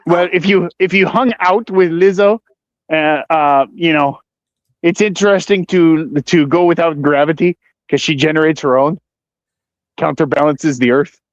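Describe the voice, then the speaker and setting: A man with a high voice trades deadpan jokes in casual stream chat. His mic sounds muffled and lo-fi, and the sound is dry, with no room around it. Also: normal speed, no room sound. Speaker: stream co-host.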